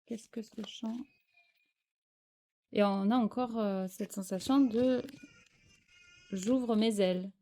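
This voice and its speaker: A woman's voice: mid-range voice, steady tone, slow pace, long pauses, warm tone. A French-speaking woman giving a spiritual tarot reading, hesitant and searching for words with many fillers. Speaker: tarot card reader.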